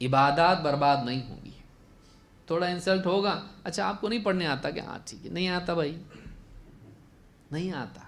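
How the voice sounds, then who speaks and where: A man delivers a religious lesson. He poses question after question and answers each himself. He slows down to recite Arabic words and show how the letters differ. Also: high-pitched, fairly bright tone. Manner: asks rhetorical questions and answers them himself; quotes and recites Arabic slowly to contrast letter sounds. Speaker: Islamic scholar teaching a lesson.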